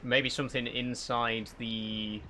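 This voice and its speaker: A man's voice: mid-range voice, little pitch movement, slow, sharp tone, faint music behind. A man giving casual live horror game commentary, thinking aloud and puzzling things out with short questions to himself.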